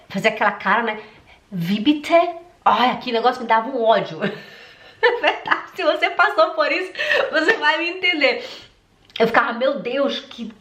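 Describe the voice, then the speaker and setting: A German teacher and online course creator from Belém do Pará, Brazil, gives a motivational talk to camera in a roomy, echoey room. Her voice sits high, and she is animated and emphatic, addressing the viewer directly and laughing easily.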